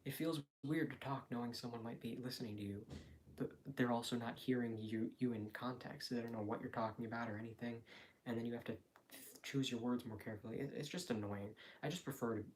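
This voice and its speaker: A man talking casually and quietly on a late-night livestream from home, in a hesitant, rambling, reflective way. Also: medium pitch, steady tone, fast, slight background noise, rough recording. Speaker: live streamer. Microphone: phone.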